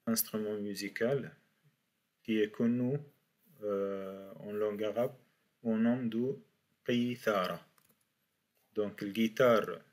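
A man teaching a beginners' class in French, slowly repeating each word for his students. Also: lowish voice. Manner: slow, repeats words for learners. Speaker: Arabic teacher. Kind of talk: university language lesson.

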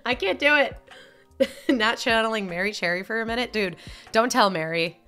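A woman's voice: fairly high pitch, moderate pace, sharp tone, smooth, soft background music. A young woman from upstate New York, live streaming and chatting bluntly with viewers as she reads their messages. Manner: blunt, candid, swears casually.

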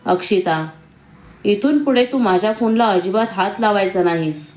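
This is a brusque, irritable young man from a read-aloud love story, voiced by a woman narrator. His lines come out clipped and sharp. The pitch sits in an ordinary middle range. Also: moderate pace, natural voice. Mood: angry.

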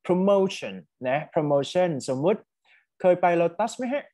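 A man's voice: sits high, extremely slow, mellow. A man with a Thai accent teaching a test-prep English lesson online, mixing English words into his Thai explanations and urging students to type their answers.

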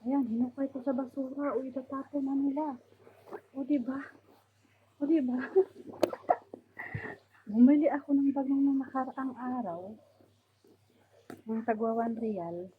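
A woman's voice: high-pitched, normal speed, long pauses, a little hiss or hum. Chatty woman vlogger, tinny phone sound. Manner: chatty, many fillers, showing items to camera. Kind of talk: casual vlog. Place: indoors, room of a household abroad.

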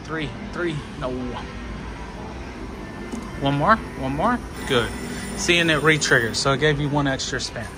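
A man with a higher-leaning voice coaches a friend at a slot machine for his vlog, speaking a little slowly with long pauses. He counts along and eggs the game on in short, casual bursts, with loud music from the busy casino behind him.

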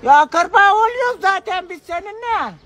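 Young guy putting on a squeaky old village grandma, denizli accent, folksy haggler on a comedy phone call. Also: animated, normal speed, sharp tone, heavily acted. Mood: haggling. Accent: Denizli, Turkey. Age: young adult. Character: elderly village grandmother haggling over wedding musicians. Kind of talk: comic prank phone call impression. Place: outdoors under a shade canopy. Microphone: phone camera at arm's length.

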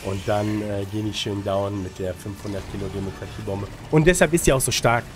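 Speaking a little fast in a voice on the low side, this gaming guide creator and streamer has a slight cold and there's background noise. He offers casual gameplay tips colloquially, sprinkling in English gaming slang and lots of tag questions over background music.

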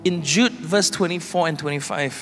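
A male pastor at a pulpit microphone, leading a prayer and preaching in short measured phrases with pauses for an interpreter. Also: a little high, a bit bright. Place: large church hall. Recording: long hall reverb with music behind. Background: instrumental music.

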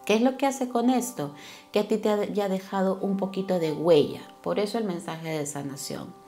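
A woman's voice: mid-range voice, normal speed, warm tone, faint music behind. A woman reading tarot cards for her viewers, speaking affectionately and tagging her sentences with little questions. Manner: affectionate, with frequent tag questions. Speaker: tarot card reader.

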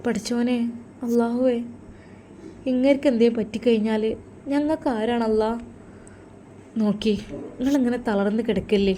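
A fretful, devout mother in a storybook, imploring and rising in pitch as she frets, played by a woman narrator. She speaks in a mellow, warm voice. A faint hiss lies behind her. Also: normal speed, pauses often, close to an everyday voice. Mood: anxious.

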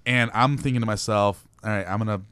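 A young man tells excitable stories at a quick clip as a guest on a casual radio show. His voice is bright and crisp. The sound is dry and close. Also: on the low side, dry recording. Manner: animated, excitable storyteller. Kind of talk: casual radio interview storytelling.

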